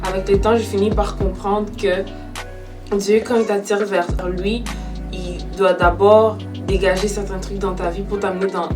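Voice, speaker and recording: 24 y/o woman, flat even tone, hesitant testimony, music behind. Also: mid-range voice. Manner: reflective, hesitant. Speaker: young church member giving testimony. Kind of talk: personal faith testimony. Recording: distant mic with background music.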